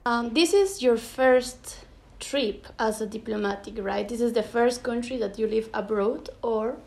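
A woman's voice: on the high side, unhurried, creaky, darkish tone. A woman from Ecuador hosting a casual interview, speaking with enthusiasm. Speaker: host. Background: music.

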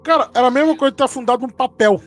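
Animated high-voiced Brazilian man telling a tale. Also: rapid-fire, faint music behind. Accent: Brazilian Portuguese. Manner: animated retelling, acts out quoted lines. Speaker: storyteller. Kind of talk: casual storytelling among friends.

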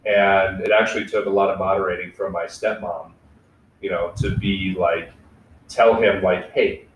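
A man's voice: low voice, level tone, normal speed, recorded from a distance, slight background noise. A young man hosting a casual podcast, talking candidly and reflectively, swearing freely and leaning on filler words. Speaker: podcast host. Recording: echoey room, away from mic.

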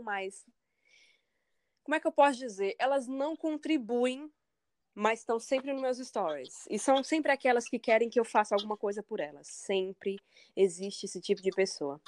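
A woman's voice: fairly high pitch, no room sound. A woman from Brazil, a singer, speaking candidly and emphatically in a casual interview, acting out the comments of others.

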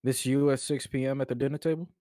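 A man's voice: medium pitch, fairly even intonation, quick pace, warm tone, no echo, studio quality. A man co-hosting a casual comedy chat, laid-back and full of slang. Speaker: co-host.

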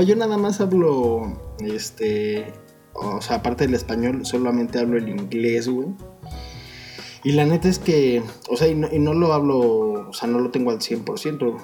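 A man's voice: medium pitch, measured pace, warm tone, soft background music. Slangy, foul-mouthed Mexican man on a podcast. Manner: crude, slangy, joking, swears constantly. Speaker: podcast co-host. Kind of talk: casual chat.

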